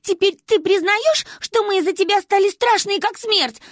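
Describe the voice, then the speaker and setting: A woman voicing an excitable, bold little girl who chatters shrilly and insistently. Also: extremely high pitch, normal speed, no room sound, studio quality, voice pushed up. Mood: excited, pleading.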